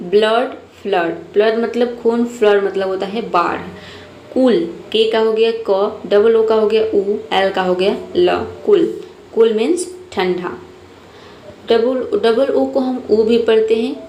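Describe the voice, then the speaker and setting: A woman's voice: medium pitch, darkish tone. Female phonics teacher; patient and methodical, room echo, faint hiss. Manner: patient, methodical, repeats "ठीक है" often. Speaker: English teacher. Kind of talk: phonics lesson explaining rules step by step. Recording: echoey room, faint noise.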